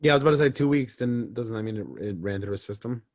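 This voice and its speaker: A man's voice: mid-range voice, lively intonation, fast talker, a little mellow, dry recording, studio quality. A man co-hosting a podcast in casual chat, hesitant and often repeating words as he starts. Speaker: podcast co-host.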